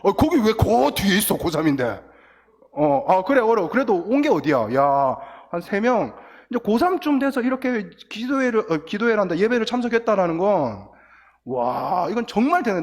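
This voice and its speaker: A middle-aged man preaching a lively, story-filled sermon to teenagers, acting out scenes as he goes. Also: sits high. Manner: animated storytelling, acts out crying and quotes. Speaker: guest pastor. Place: church sanctuary. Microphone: church sound system, recorded from booth. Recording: long church hall reverb.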